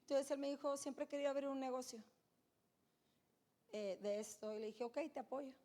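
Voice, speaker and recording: Speaking at normal speed in a high voice, this middle-aged guest speaker shares her faith testimony. Her delivery is lively and forceful, with frequent turns to the audience.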